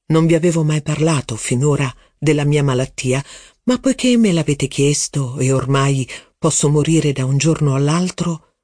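Wry sick gentleman, read by a man, quiet, polite, fairly high voice. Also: normal speed, dry recording, studio quality, natural voice. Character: ironic, gravely ill society gentleman, calm and polite.

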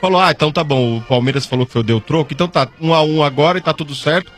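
A man's voice: fairly high pitch, very fast, faint music behind. A man giving football news in casual chat on a sports radio panel.

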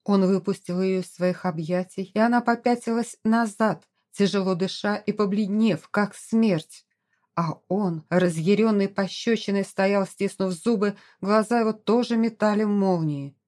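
A woman's voice: mid-range voice, measured pace, a little mellow. Woman narrating an audiobook expressively. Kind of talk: scripted narration.

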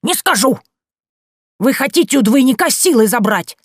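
A woman reading an audiobook, voicing a frantic, stubborn old witch woman who shouts and snaps back. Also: lively intonation, moderate pace, no echo, clean studio sound. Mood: shrill. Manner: shrill, shouting and snapping back. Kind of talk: audiobook character voice.

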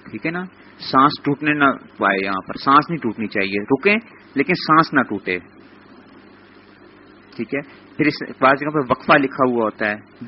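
A man's voice: mid-range voice, muffled recording, a little hiss or hum. A man teaching a Quran class in a live lecture, explaining patiently and checking in with his listeners again and again. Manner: repeats "theek hai" as a check-in; explains slowly, spelling out letters. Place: lecture room.

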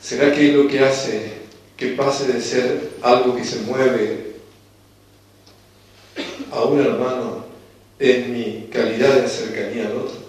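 A man with a Rioplatense Spanish accent giving a reflective spiritual lecture. He speaks calmly and unhurriedly, and slows down to repeat key phrases. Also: mid-range voice. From Argentina. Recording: very echoey hall, voice from far off.

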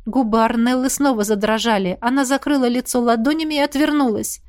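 Female audiobook narrator, slightly high, expressive storytelling read. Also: brisk.

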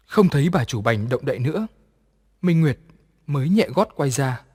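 A man narrating a ghost story in an even, measured way. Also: mid-range voice, husky. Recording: long reverb.

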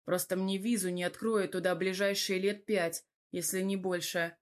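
A woman voicing a brooding, irritable young man, speaking gruffly and curtly in an audiobook. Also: lowish voice, little pitch movement, moderate pace, lightly acted. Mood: weary. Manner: gruff, curt.

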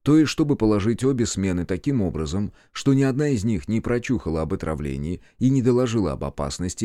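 A man narrating a first-person audiobook in a calm, measured way. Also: low-pitched, no echo, studio quality.

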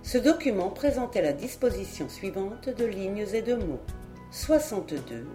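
A woman narrating an audiobook of a classic novel in a clear, steady reading voice. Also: mid-range voice, normal speed, faint music behind. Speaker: audiobook reader. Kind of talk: scripted narration.

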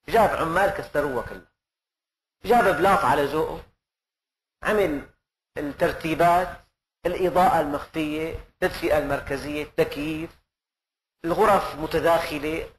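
Older preacher, earnest, lots of rhetorical questions, bit of hiss behind. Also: male voice, fairly high pitch. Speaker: preacher giving Quran commentary. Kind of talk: sermon.

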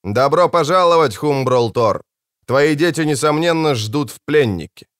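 A man's voice: fairly high pitch, animated, moderate pace, no room sound, clean studio sound, voice pushed up, natural voice. A man reading an audiobook and voicing a blunt, grim army captain who speaks firmly. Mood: grave.

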